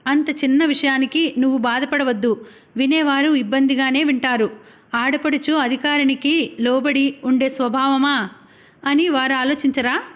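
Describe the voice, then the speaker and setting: A woman reading an audiobook, voicing a calm, gentle mature woman giving advice. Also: high-pitched, moderate pace, highs cut off, natural voice.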